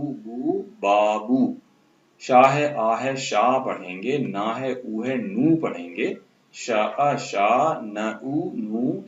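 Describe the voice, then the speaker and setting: A man teaching young children to read, sounding out each letter and joining the sounds into words, then explaining quickly. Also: mid-range voice. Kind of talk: spelling lesson for young children. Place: school classroom. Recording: muffled, roomy with faint hum.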